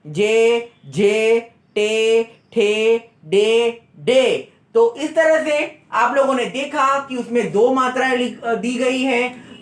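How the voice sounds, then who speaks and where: A male school teacher giving a recorded lesson to young children, patiently repeating and spelling out letter sounds one at a time. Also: very high voice. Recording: roomy echo.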